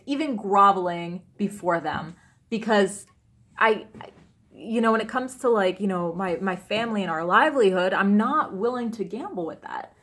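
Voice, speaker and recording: A woman's voice: mid-range voice, a bit bright. A young woman vlogger upset and rambling as she recounts a personal ordeal at home, full of restarts and fillers. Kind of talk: emotional personal storytelling.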